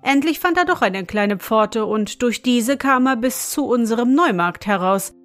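A woman narrating an audiobook story in a measured storytelling manner. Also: a little high, animated. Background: faint music.

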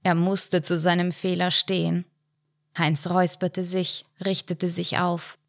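A woman's voice: fairly low pitch, monotone, creaky, no room sound, clean studio sound. Woman narrating a short story. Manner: measured, storytelling. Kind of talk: audiobook short story reading.

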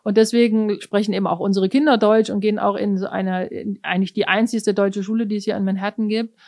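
In a quick-paced, mid-range voice with a darkish tone and fairly even intonation, a middle-aged orchestra cellist from East Germany chats through a casual interview. She thinks as she speaks, often restarting and using fillers.

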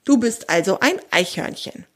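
A woman's voice: fairly high pitch, expressive, normal speed, fairly bright tone. A woman voicing a proud, friendly female wild boar in a children's audio story, speaking with dignity and easy indignation.

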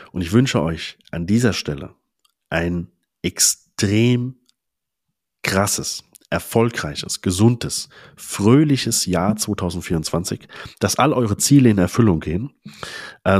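Young male podcast host, husky and dry, pushes points emphatically like a coach. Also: sits low, a little slow, no echo. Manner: energetic, emphatic coaching talk with colloquial English fillers. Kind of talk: motivational solo podcast monologue.

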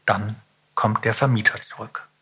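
Man narrating with a bright, husky voice. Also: on the low side, flat delivery, moderate pace. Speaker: podcast host. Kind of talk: scripted narration.

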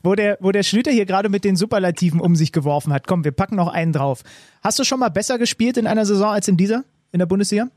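High-pitched, fast-talking male co-host. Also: a little mellow, no room sound, clean studio sound. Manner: playful, quick banter. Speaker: podcast co-host. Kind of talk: casual podcast chat.

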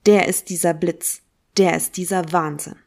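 A woman's voice: lowish voice, fairly even intonation, normal speed, creaky, darkish tone. A woman reading as a fervent preaching prophet. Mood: solemn preaching. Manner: declamatory, emphatic and solemn. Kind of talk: dramatic reading of a philosophical text.

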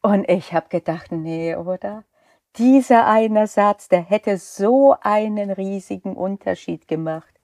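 A woman's voice: medium pitch, a little slow, darkish tone, no room sound, clean studio sound. A middle-aged woman, a law lecturer, talking candidly in a reflective podcast monologue. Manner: candid, personal, explanatory.

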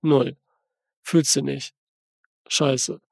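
A man's voice: medium pitch, flat delivery, very slow, gravelly, darkish tone, no echo, studio quality. A man ranting in a casual podcast chat about a film, rambling and slangy with lots of fillers. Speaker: podcast co-host reviewing a film.

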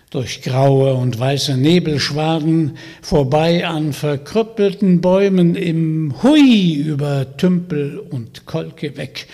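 A man reads a fairy tale slowly and expressively, in a husky voice with a gravelly rasp. His voice is a little higher than usual for a man. A long hall reverb trails after every phrase. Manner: slow, expressive storytelling. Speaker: narrator.

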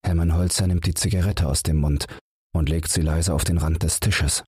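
A man reading a bedtime audiobook in a calm, unhurried manner with a husky voice, close to the mic. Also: extremely low pitch, no room sound. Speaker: audiobook narrator.

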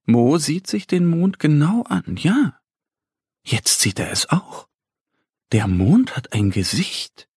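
A man narrating a children's story in a gentle, lively storytelling voice. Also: on the high side, takes it slowly, breathy edge, no echo, clean studio sound.

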